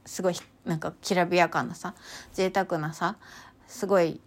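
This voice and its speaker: A woman talking casually and chattily about her walks and inner experiences, with many fillers and sudden excited outbursts. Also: moderate pace. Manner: chatty, animated, bursts into high excited exclamations; many fillers, lots of sentence-final さ. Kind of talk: casual spiritual chat.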